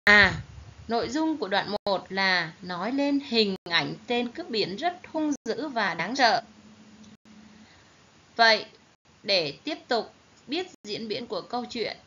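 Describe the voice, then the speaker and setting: A woman's voice: medium pitch, animated, bright, forceful tone. A woman primary school teacher with a Southern Vietnamese accent, giving a recorded reading lesson to children and carefully spelling out each word. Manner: slow, careful, clearly enunciated teaching delivery. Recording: dull lo-fi recording with faint hiss.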